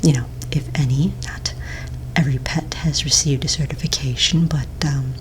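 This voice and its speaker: The audio is poor, with background noise from faint to clear and steady keyboard typing. A woman with a very deep, steady voice plays a polite, patient fantasy pet registry office manager in soft-spoken ASMR, her breathy near-whisper calm, gentle and unhurried, with hesitant pauses as she checks paperwork.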